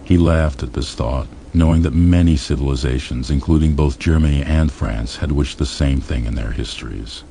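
A man reading a crude comedy story aloud in a deadpan, matter-of-fact way. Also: extremely low pitch, moderate pace, creaky, hardly any pauses, slight background noise. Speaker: audiobook narrator.

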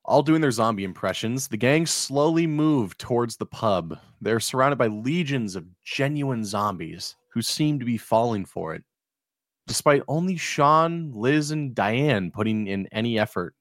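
A man's voice: medium pitch, expressive, unhurried, dry recording. A man narrates stage directions in an amateur script read-through. His mid-range voice moves around with lots of expression, and the recording is dry and close. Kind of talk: reading screenplay stage directions aloud.

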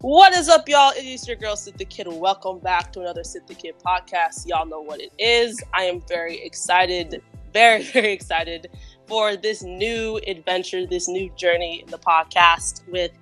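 Chatty woman podcast host, kinda low voice, laughs a lot, faint music in the back. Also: fairly even intonation, normal speed, fairly bright tone. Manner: upbeat and chatty, laughs easily. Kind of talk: casual podcast hosting.

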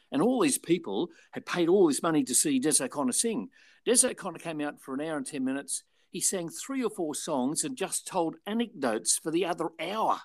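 In a laid-back interview, a former Australian radio and TV presenter, now older, spins stories and performs the voices of those he quotes in a lively, conversational way. The medium-pitched voice is recorded with no echo.

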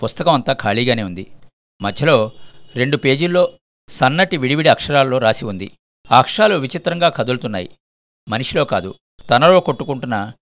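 A man reading a short story aloud as a storyteller, measured and reflective. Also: mid-range voice, fairly bright tone.

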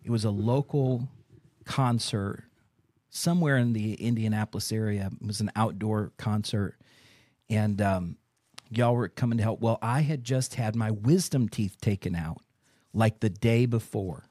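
Man, lowish voice, easygoing wry storyteller, dry close sound. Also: measured pace, warm tone, no echo. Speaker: podcast co-host. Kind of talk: casual chat.

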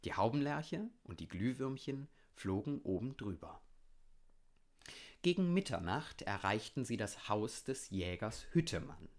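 A man reads a children's story aloud in a calm, gentle manner. His voice is fairly low and he takes an unhurried, slow pace.

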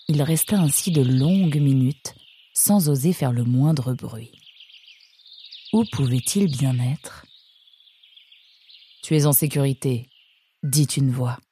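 A woman reads a children's story aloud in a calm, measured way. Her voice is low and mellow, with a gentle evenness. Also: breathy edge.

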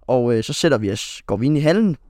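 A man's voice: medium pitch, lively intonation, darkish tone, dry recording. A young man co-hosting a podcast, telling a rambling story in casual chat, full of fillers and restarts. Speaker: podcast co-host.

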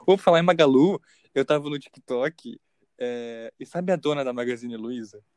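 A man's voice: medium pitch, normal speed, a little mellow, no room sound. Young brazilian guy joking around on a podcast, brazilian portuguese accent, dry close sound. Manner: playful, jokey, laughs often. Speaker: podcast co-host. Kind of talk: casual chat.

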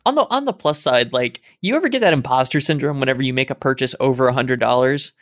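A man's voice: mid-range voice, expressive, fast talker, dry recording, studio quality. A man co-hosting a casual podcast, talking in wry, self-deprecating, rambling asides. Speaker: podcast co-host. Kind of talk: casual chat.

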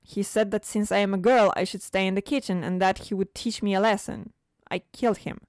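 A woman's voice: medium pitch, steady tone, a little fast, darkish tone, dry recording, natural voice. A woman voicing a wounded young girl who speaks in a plain, subdued way.

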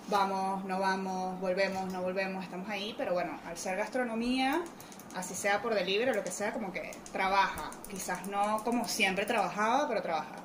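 Young woman chatting in an echoey, noisy room. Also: mid-range voice. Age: young adult. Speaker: podcast guest. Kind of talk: casual chat. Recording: echoey room, clear background noise.

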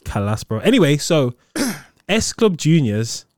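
London roadman with lively, swooping delivery. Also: a little high, a little slow, no echo, studio quality. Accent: London roadman, Multicultural London English. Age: 20s. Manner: slang-heavy, punctuating with "bro" and "innit". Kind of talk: casual banter, slangy chat.

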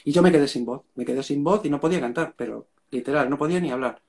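A rock singer with a Spain Spanish accent tells stories in a casual interview, speaking quickly in a high-leaning, gravelly, darkish voice. His storytelling is loose and slangy, and he keeps saying "mate".

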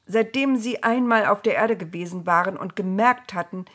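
A woman reading a children's story aloud in a calm, measured way. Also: mid-range voice.

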